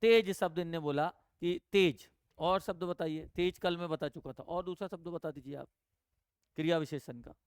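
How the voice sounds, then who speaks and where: Man, teacher, classroom lesson, repeats key words slowly, smooth resonant voice. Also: a little high, no room sound, studio quality. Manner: asks the class questions and answers them himself.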